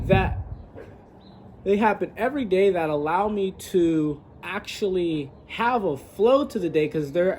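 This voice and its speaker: A man with a notably high voice talks through his thoughts in a casual vlog. He rambles reflectively, like a coach offering advice. He is outdoors, with light background noise under his words. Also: a little mellow, poor audio. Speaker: fitness coach and gym owner vlogger.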